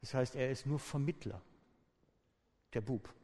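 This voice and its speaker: A man's voice: mid-range voice, measured pace, warm tone. Man preaching in an echoey hall. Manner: conversational storytelling, retells with informal asides. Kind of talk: sermon. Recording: echoey hall with long reverb.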